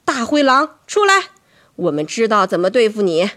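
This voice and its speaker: A woman voicing a fierce, protective mother in a bedtime story, scolding loudly. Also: on the high side, very animated, normal speed. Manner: loud, scolding.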